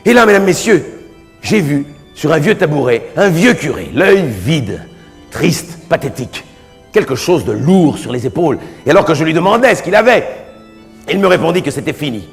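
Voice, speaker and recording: A male stand-up comedian telling a theatrical story on stage, lively and now and then shouting for effect. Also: fairly high pitch, moderate pace, gravelly. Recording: live theater hall with reverb and music.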